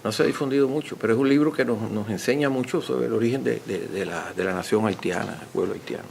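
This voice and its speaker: This author and lecturer answers audience questions in an off-the-cuff academic talk, his medium-pitched voice fast, creaky and somewhat dark. He is polite and instructive, driving points home through emphatic repetition, with slight noise in the background.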